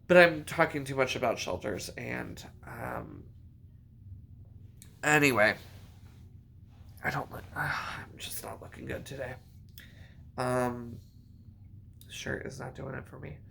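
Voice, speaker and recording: A man's voice: medium pitch, slow pace, gravelly, long pauses, pushed and bright, slight background noise. A man vlogging in a casual, rambling way about his knitting, often correcting himself as he goes. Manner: rambling, chatty, self-correcting. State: hiccups. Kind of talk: casual chat.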